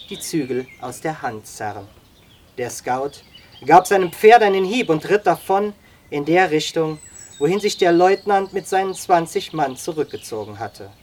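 A storyteller reading an adventure story aloud, slow and expressive. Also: medium pitch, slight background noise.

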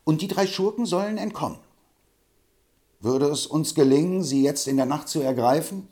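Man putting on a shrill excitable old frontiersman, loud, boastful, audiobook, high-pitched, lively swings. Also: normal speed. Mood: stubborn. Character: excitable boastful older man, quick to anger. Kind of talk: audiobook reading.

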